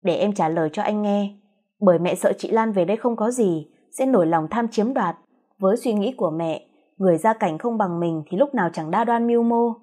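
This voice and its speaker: A woman voicing a cool, sharp-tongued young wife in a storybook reading, speaking with cutting sarcasm. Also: mid-range voice, fairly quick, lightly acted.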